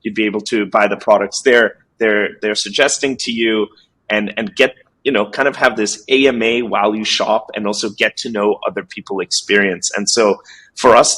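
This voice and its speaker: Male founder, 30s, from Switzerland; low voice, loose and rambly interview talk with lots of fillers. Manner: relaxed, rambling with many fillers and restarts. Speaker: startup founder guest. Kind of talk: casual interview conversation.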